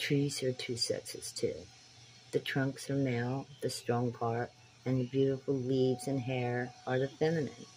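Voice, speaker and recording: A woman's voice: extremely low pitch, flat delivery, a little slow, a little mellow, a little hiss or hum, poor audio. A woman in her sixties talking earnestly to a phone camera in a small dim room, preaching directly to her viewers. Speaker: spiritual tarot vlogger. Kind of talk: casual talk to camera. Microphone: phone camera at arm's length.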